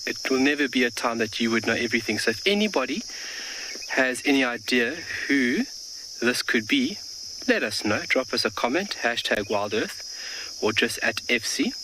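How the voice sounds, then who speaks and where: A man working as a safari guide, hosting live wildlife commentary outdoors and admiringly addressing viewers in drawn-out phrases. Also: medium pitch. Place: outdoors in the bush. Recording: clear outdoor insect and ambient noise.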